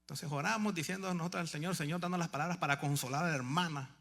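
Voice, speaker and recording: Animated preacher with a bright voice. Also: male voice, a little high, racing, gravelly. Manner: animated, swings from hushed to loud emphatic. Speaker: pastor. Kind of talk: storytelling sermon.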